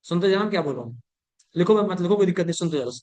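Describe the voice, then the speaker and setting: A male chemistry teacher speaks in a high-pitched, slightly mellow voice with lively intonation as he lectures. Checking often that students understand, he mixes in English terms and slows to dictate before speeding up to explain.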